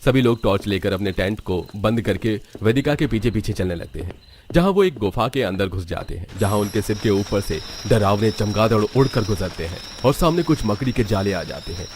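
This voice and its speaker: A man narrating a cartoon horror story in a low, steady storytelling tone. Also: a little fast, a little hiss or hum.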